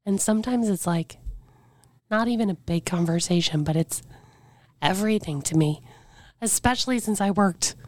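A woman in her forties with a hoarse, weakened voice, telling her story as a podcast guest in a candid, reflective way. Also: mid-range voice, moderate pace, long pauses, no room sound, clean studio sound. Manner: earnest, reflective, breaks into faint whispers.

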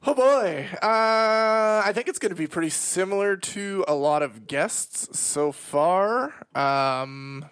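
A man with a Canadian accent in casual podcast conversation as co-host, recalling things in a halting, informal way. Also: sits high, lively intonation, fairly bright tone, smooth. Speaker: podcast co-host and audio engineer. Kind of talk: casual chat.

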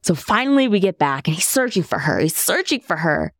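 A woman hosts her podcast from a bedroom at home, telling a travel story in a lively, swooping voice that laughs easily. The sound is close and dry. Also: lowish voice, brisk, gravelly, dry recording. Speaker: podcast host.

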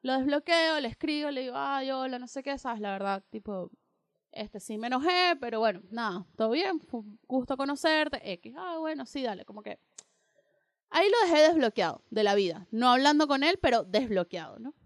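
High-voiced young woman telling a story. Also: moderate pace, no echo, clean studio sound. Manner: animated, acts out both sides of dialogues. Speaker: radio co-host. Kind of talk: casual storytelling chat.

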